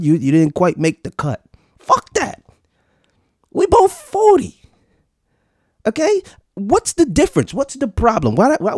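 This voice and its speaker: A podcast host in his thirties rants casually to live-stream viewers, swearing freely, swaggering, and repeating lines for comic effect. His pitch leaps up and down with lively energy. The sound is close and dry with no room echo.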